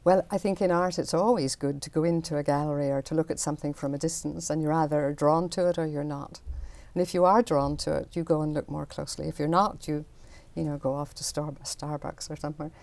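An older woman from talks through her art in an interview. Her voice sits low and mellow, with a gravelly edge. She explains things in a chatty, unhurried way. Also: fairly even intonation, no room sound. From Northern Ireland. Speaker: artist.

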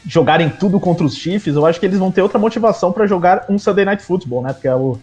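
Higher-pitched Brazilian man hosting. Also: fast, a little mellow, faint music behind. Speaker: host of a sports live stream. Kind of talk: casual football chat.

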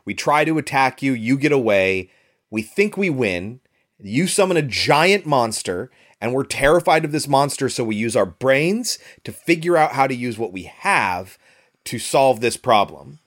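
Animated, sarcastic man reviewing a film. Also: medium pitch. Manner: animated, sarcastic, swears casually. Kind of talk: casual film review chat.

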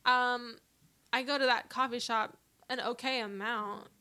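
A woman's voice: on the high side, a little slow. A woman from Northern California, a podcast guest, chatting casually and acting out the dialogue in her stories. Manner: animated storyteller who acts out quoted dialogue. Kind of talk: casual chat.

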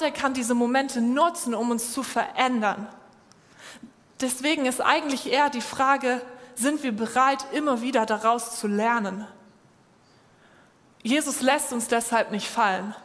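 A woman's voice: high-pitched, a little slow, fairly bright tone. A woman preaching a sermon and speaking straight to her listeners, urging them on. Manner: direct, encouraging address to listeners. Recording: long hall reverb.

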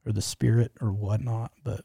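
A man's voice: on the low side, flat delivery, moderate pace, creaky, dark tone, slightly rough, no echo, clean studio sound. A man telling a travel story in casual chat, rambling with lots of fillers and restarts.

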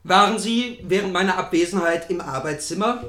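A man's voice: high voice, a little fast, noisy background, natural voice. A man reading the lines of a secretive, pompous male professor in a lecturing, self-assured tone.

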